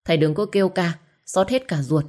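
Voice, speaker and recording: A woman's voice: fairly low pitch, animated. A woman voicing a cold, resentful middle-aged son who scolds his sick father sharply. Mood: scolding. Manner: sharp, scolding, quick retorts.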